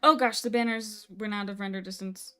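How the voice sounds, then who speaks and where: A woman's voice: mid-range voice, fairly even intonation, fairly quick, sharp tone, soft background music. Bubbly young woman streamer chatting. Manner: bubbly, chatty, exclaims often. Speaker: live streamer. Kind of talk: casual live-stream chat while playing.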